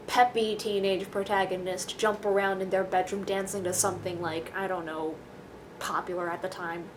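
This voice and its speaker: Against a noisy background, a young woman from Taiwan in her young adult years talks loosely to camera as a vlogger. Her mid-range voice carries a rambling, self-deprecating and dryly funny style.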